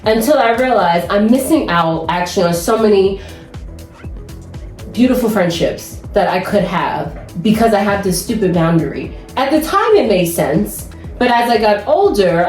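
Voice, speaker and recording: An animated woman talks shop as a nail tech, telling stories and laughing at herself. Her voice rings a little in the room, with faint music underneath. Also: mid-range voice, echoey room. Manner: animated storyteller, laughs often. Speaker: nail tech and podcast host. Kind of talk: casual chat.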